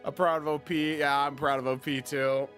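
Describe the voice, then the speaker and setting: A man's voice: on the high side, normal speed, faint music behind. A man hosting a stream, casually reading online stories aloud and reacting with frequent exclamations and swearing. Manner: animated, exclaiming, swearing freely. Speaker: vtuber host.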